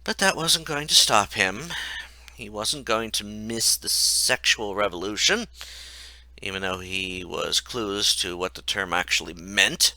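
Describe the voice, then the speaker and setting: A man's voice: fairly low pitch, expressive, a little slow, bright, forceful tone, no room sound. A man reading his own comic story aloud in a wry, mocking way.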